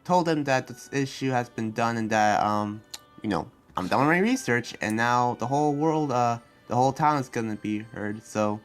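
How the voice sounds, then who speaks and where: Over background music, a man in an improvised Minecraft anime roleplay plays an earnest, friendly demon slayer who guards his town. He explains himself haltingly and ramblingly in an average-pitched, lightly acted voice, as a roleplay player would.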